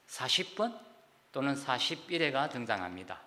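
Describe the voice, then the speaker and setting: A middle-aged man from Gyeongsang with a Gyeongsang accent, preaching a sermon in a church and chatting warmly, often saying "ye" between phrases. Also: medium pitch, big pitch swings, moderate pace. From South Gyeongsang, Korea. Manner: warm, chatty preaching with frequent "ye" fillers. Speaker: pastor. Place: church sanctuary. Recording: long hall reverb.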